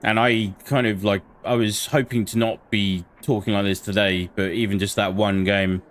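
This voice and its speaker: A man's voice: fairly low pitch, level tone, moderate pace. Blunt, sweary male game streamer. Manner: blunt, swears often when frustrated. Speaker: gaming livestreamer. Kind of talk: casual chat while gaming.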